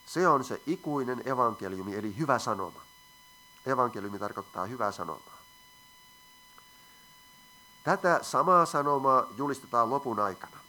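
Male preacher, crisp bright tone, teaching sermon with questions to the room. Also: medium pitch, animated, pauses often. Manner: asks the audience questions, reads scripture aloud.

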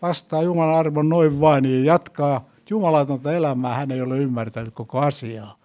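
A man preaching a sermon in a church, asking the congregation questions and rising to loud, emphatic peaks before closing in prayer. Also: fairly high pitch, fairly even intonation.

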